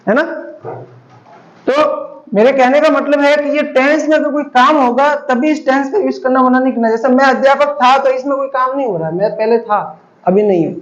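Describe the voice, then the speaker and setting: A man teaching an English grammar lesson to students, explaining patiently and repeating examples, calling them "beta". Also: very high voice. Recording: roomy, dull lo-fi recording.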